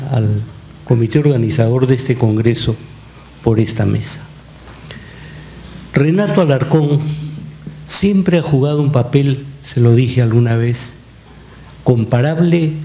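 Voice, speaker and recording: A man speaking as a panelist at an academic conference, slow, deliberate and formal. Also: mid-range voice, dark tone, echoey room, slight background noise.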